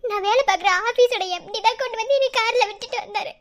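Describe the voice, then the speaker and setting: A woman's voice: very high-pitched, quick pace. A woman voicing a hurt, tearful young working woman in a cartoon, with a Madurai Tamil accent. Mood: hurt pleading. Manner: pleading, tearful. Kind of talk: cartoon voice acting.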